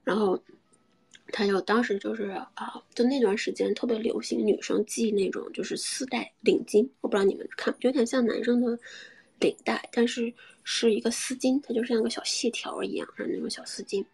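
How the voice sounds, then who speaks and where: A young woman telling a personal story in a soft, often half-whispered voice, hesitant and full of restarts. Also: on the high side, steady tone, fairly quick, creaky, husky.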